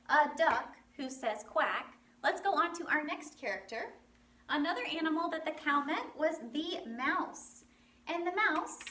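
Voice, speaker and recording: A woman teaching a children's lesson, playful and animated, acting out animal sounds. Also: sits high. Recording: roomy, from a distance.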